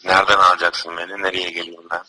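Boastful man on the phone, sharp bright voice. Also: low-pitched, flat delivery, fast, rough recording. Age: young adult.

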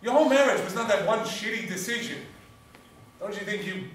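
A man's voice: high-pitched, fairly quick, a bit bright. An actor playing a man who questions his friend with blunt, probing questions in a live stage drama. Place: small theatre stage. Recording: echoey theatre from far off.

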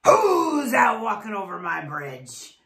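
A woman voicing a mean, ugly male troll who makes low, gruff threats in a children's story. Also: huge pitch swings, slow, fairly bright tone, exaggerated voice. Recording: echoey room.

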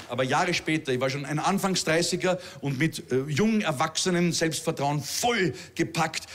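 A man's voice: a little high, fairly bright tone. A middle-aged man with a Viennese accent telling a stand-up story, chatty and self-mocking, with laughing asides. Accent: Viennese Austrian German. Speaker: comedian.

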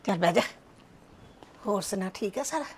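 A woman's voice: mid-range voice, lively intonation, moderate pace, a little mellow, a little hiss or hum, natural voice. A woman playing an older mother who fusses over and questions her visiting married daughter in a family drama. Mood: fussing. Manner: fussing, questioning.

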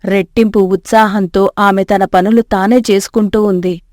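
A woman narrating a scripted storybook tale in a steady, measured way. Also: mid-range voice, no echo, clean studio sound.

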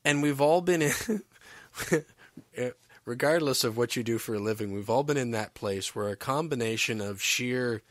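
A man hosts a casual interview in a voice of average pitch. His questions wander and he chuckles now and then. The recording is close and dry. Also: moderate pace, fairly bright tone, no echo. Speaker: podcast host.

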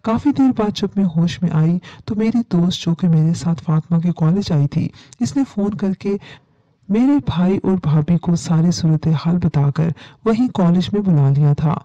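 Brief: woman storyteller, calm earnest horror narration, very dark mellow tone, dull lo-fi recording. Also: lowish voice, dry recording.

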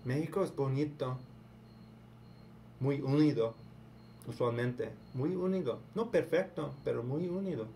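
A man from the United States giving a casual spoken sermon in a halting, preachy way, often repeating his words. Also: mid-range voice, dark tone, slight background noise. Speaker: vlogger.

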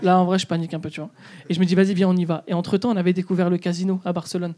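A man's voice: sits high, flat delivery, very fast, dark tone. A young man doing stand-up in a comedy club, telling a story and acting out both sides of the dialogue.

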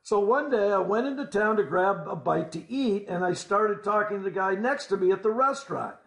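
A man with a fairly high, fairly bright voice and lively intonation narrates a scripted first-person story, speaking deliberately and adding folksy asides directed at the listener. The voice-over is roomy, with clear echo around his words.

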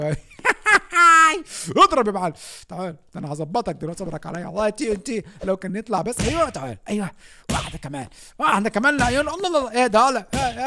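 Egyptian gamer dude, talks super fast, yells and cracks up a lot, bit of background hiss. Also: male voice, sits high. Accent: Egyptian Arabic. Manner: excitable, shouting and laughing often. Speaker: gaming YouTuber. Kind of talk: excited gameplay commentary.

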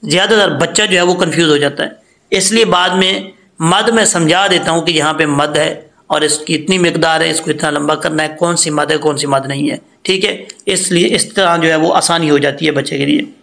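Bright high-voiced man teaching recitation. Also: creaky. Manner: patient, explains step by step, then chants slowly. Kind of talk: tajweed lesson with recited examples.

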